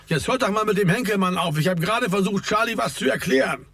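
A man's voice: high voice, expressive, fast talker, a bit bright, voice pushed up. A man doing a worked-up grumbling club organizer. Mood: agitated. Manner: worked-up, complaining.

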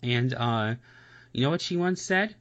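A man's voice: medium pitch, lively intonation, a little slow, fairly bright tone. A man in a casual reaction chat, talking bluntly and swearing, often repeating "seriously" and "honestly.". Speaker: music reaction co-host. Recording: dull lo-fi sound.

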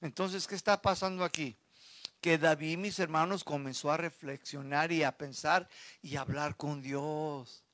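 A middle-aged man preaching a sermon in a church, fervent, rising to loud exhortations and dropping to low, confiding asides. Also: fairly even intonation, measured pace, no room sound. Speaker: pastor.

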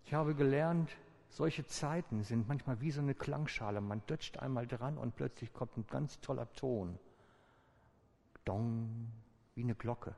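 A man preaching a sermon as pastor, calm and inviting, slowing down with deliberate pauses. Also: medium pitch, vocal fry. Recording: long church-hall reverb.

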